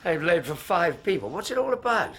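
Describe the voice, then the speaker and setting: An actor playing a loyal, puzzled gentleman doctor in a period mystery drama, earnest and courteous with a British accent. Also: high voice, big pitch swings, brisk, slight background noise, heavily acted. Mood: puzzled, mildly indignant. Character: loyal, puzzled, mildly indignant gentleman doctor, detective's companion.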